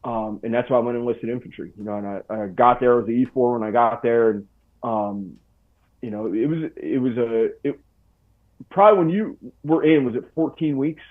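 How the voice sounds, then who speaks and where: A man in his forties, a guest on a podcast, tells a story casually at a fairly quick clip in a medium-pitched voice. He's laid-back and slangy, sprinkling in plenty of "dude" and "bro." The line sounds tinny, like a phone.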